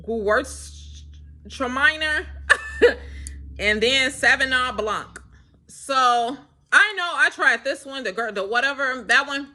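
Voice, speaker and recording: A young woman talks casually to her camera in a loose, rambling way. Her voice is bright and forward, and she breaks into quick laughs between thoughts. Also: on the high side. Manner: chatty, laughs often, rambling. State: slightly winded. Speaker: vlogger. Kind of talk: casual chat.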